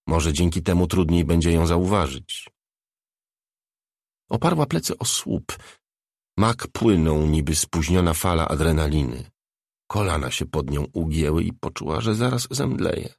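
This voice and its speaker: Male audiobook narrator, low gravelly voice with a dry close sound, measured storytelling. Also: dry recording. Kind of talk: scripted narration of a novel.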